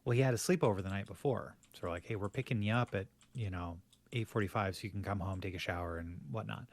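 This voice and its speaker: Rambling podcast co-host, lowish voice. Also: male voice, fast talker. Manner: rambling with many restarts and laughs. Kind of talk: casual chat.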